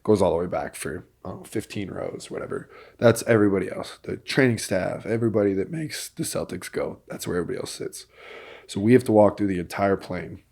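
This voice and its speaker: A man hosting a podcast, telling a story in an animated way that builds to excited bursts. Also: sits low, brisk, gravelly. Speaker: podcast host. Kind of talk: casual chat.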